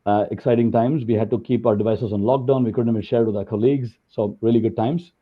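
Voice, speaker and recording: A man's voice: mid-range voice, steady tone, quick pace. A man from India giving a conversational webinar talk over slides, with many fillers. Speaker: guest speaker. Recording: tinny phone-like call audio.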